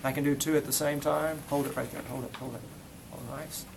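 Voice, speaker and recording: This instructor's somewhat high, vocal-fried voice moves briskly with fairly even intonation as he leads a practical classroom demonstration. He keeps repeating brief commands and quizzes the class between steps; the recording is noisy.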